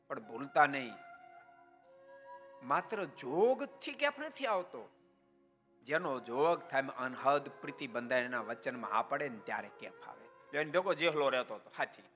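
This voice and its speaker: A man's voice: mid-range voice, animated, moderate pace, pushed and bright. A man preaching a devotional sermon as a swami, telling stories and asking the devotees rhetorical questions. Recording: reverberant hall, faint music.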